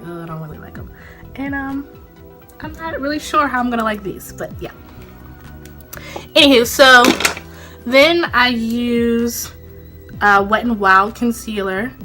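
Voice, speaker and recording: A young adult beauty vlogger films herself close up on a phone camera in a small room, walking through a casual makeup tutorial. Her bright, clear, medium-pitched voice is a bit stuffed up and short of breath from a cold. She chats loosely and rambles, using plenty of fillers.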